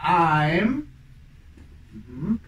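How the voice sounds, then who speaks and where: A man's voice: a little high, big pitch swings, extremely slow, fairly bright tone. A young man teaches English at a whiteboard. He drills each phrase over and over and mixes in playful jokes. The sound is roomy and a little distant, with a faint hiss under it. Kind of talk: bilingual classroom lesson. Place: small room at a whiteboard. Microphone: camera mic from a few feet away.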